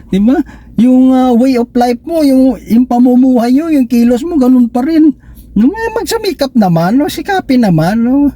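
Male preacher, Filipino accent, chatty joking sermon, warm dark tone. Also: very high voice, animated, normal speed. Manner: conversational, asks "di ba?" and "no?" often, jokes. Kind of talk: casual Taglish sermon.

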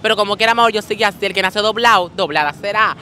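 A woman's voice: medium pitch, rapid-fire, pushed and bright, a little hiss or hum. A woman with a Dominican accent, talking flamboyantly in a casual street interview and calling everyone "mi amor".

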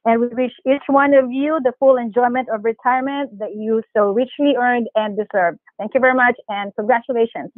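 A woman director of school staff reading a list of retirees in a measured, formal way, sometimes stumbling over names, calling in by phone. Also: a little high, steady tone, dry recording. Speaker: director of classified personnel. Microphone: phone call. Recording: tinny phone line.

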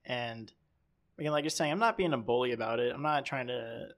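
A man's voice: medium pitch, brisk, gravelly, fairly bright tone. A man co-hosting a podcast in casual chat, rambling and acting out quoted people as he tells stories. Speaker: podcast co-host.

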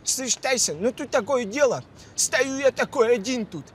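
A smooth-talking young street hustler for a cartoon comedy. His voice is extremely high and sharp. He wheedles in slang and puts on dignified airs, over faint noise. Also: expressive, moderate pace. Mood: sheepish, wheedling. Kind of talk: animated comedy dialogue.

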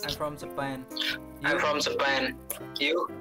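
A man's voice: a little high, level tone, moderate pace, music in the background. A young man with an Indonesian accent, teasing strangers in a casual video chat through a headset mic. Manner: teasing, playful, laughs often. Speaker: video chat prank host. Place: small bedroom indoors.

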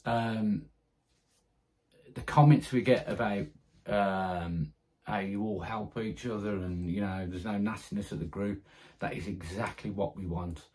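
A middle-aged British man, founder of an airgun community group, talks casually and enthusiastically to camera about it, with many fillers and restarts. His voice is fairly low and darkish, steady and measured, recorded by a camera close in front in a small indoor room with guns on the wall.

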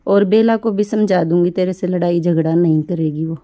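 A middle-aged woman talking baby talk to her pet rabbit, coaxing and doting in a sing-song way with soft laughs. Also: lowish voice, little pitch movement, normal speed, highs cut off. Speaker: pet vlogger caring for rescued animals.

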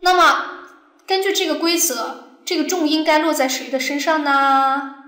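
High-voiced woman teaching in an echoey room. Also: fairly even intonation, moderate pace, sharp tone. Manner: patient, explains step by step, asks the class questions. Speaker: Arabic teacher. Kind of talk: recorded language lesson.

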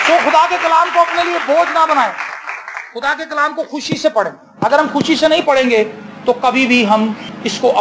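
A man's voice: extremely high pitch, fairly bright tone, slight background noise. A man with a Pakistani accent preaching as pastor, building to emphatic, rising bursts and slipping into Punjabi for quoted talk. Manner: slips into Punjabi for quoted dialogue. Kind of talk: sermon.

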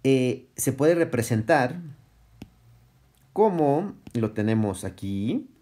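A middle-aged math teacher gives a casual, recorded classroom lecture in a dark, mid-range, sing-song voice, taking his time. He thinks aloud, corrects himself along the way, and chuckles at his own slips.

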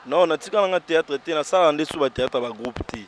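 Guy, comedian in an interview, telling stories all animated, voice a bit high, loud then quiet. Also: quick pace, a little hiss or hum. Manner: animated storytelling, swings between soft asides and loud bursts. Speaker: stage comedian and actor being interviewed. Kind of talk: casual interview chat.

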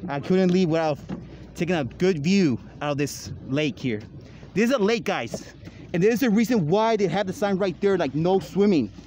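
Holding his phone at arm's length beside a lake, a young vlogger talks casually to his channel's viewers in a high, animated, slightly mellow voice at a moderate pace. The outdoor phone audio is noisy.

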